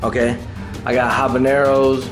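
A man's voice: medium pitch, little pitch movement, moderate pace. Cocky young man vlogging in an echoey house. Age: young adult. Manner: slangy, cocky. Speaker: prank vlogger. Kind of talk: casual vlog to camera. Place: echoey house kitchen and rooms. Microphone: camera at arm's length. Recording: roomy echo, music behind. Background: music.

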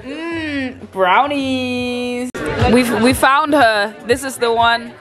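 A woman's voice: a little high, drawn-out words. A young woman vlogging at a party, bubbly and laughing, talking into a handheld camera. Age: young adult. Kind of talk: casual party vlog. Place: crowded party with loud music. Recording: loud music and crowd behind. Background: loud music, party crowd.

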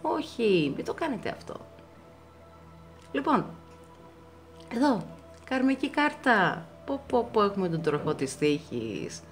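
A woman giving a pick-a-card tarot reading to her viewers, reassuring them and repeating words for emphasis, her pitch swinging up often. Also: sing-song, pauses often, soft background music.

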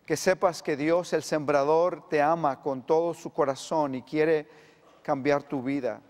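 A middle-aged male pastor, preaching emphatically and swinging between loud and hushed delivery. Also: a little high, steady tone, unhurried, long reverb tail. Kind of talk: sermon.

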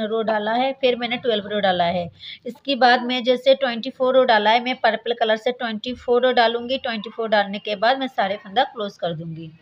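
A woman hosting a step-by-step knitting tutorial, calmly explaining each stitch and often addressing her viewers as friends. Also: fairly high pitch, lo-fi sound. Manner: patient, repeats "look, friends" while demonstrating. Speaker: craft tutorial host.

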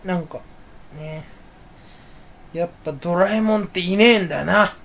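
A man talking to himself in a rambling solo monologue. He is self-mocking and erratic, swinging from loud outbursts to low mutters. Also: moderate pace, vocal fry, a little hiss or hum. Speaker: solo talk channel host.

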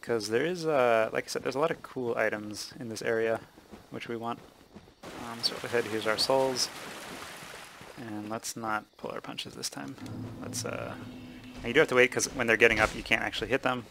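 A man hosting a let's play, explaining the game casually with many fillers and pauses. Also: mid-range voice, gravelly, background noise. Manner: relaxed, explaining with many ums and uhs. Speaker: gaming channel host.

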